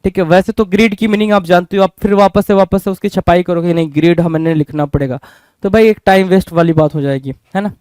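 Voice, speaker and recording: A man's voice: sits high, steady tone, fast talker, darkish tone, smooth, no room sound. A man with an Indian accent teaching English vocabulary in an exam-prep lesson, often asking the class a question and answering it himself.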